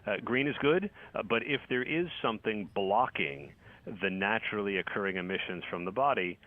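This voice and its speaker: A man with a very deep voice comes through a thin, phone-like line. He is a news correspondent answering questions on the radio. He often stops and restarts his sentences. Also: animated. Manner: halting, many restarts. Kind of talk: radio interview.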